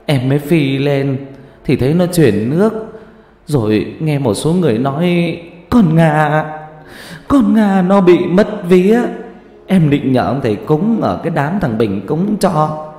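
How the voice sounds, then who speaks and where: A heartbroken mother, voiced by a man, sobs through her words in a high, drawn-out wail. She is loud and slow, close to breaking, and a roomy echo with soft music sits behind her. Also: animated. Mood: tearful lament. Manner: sobbing, drawn-out wailing. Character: grief-stricken middle-aged mother, tearful.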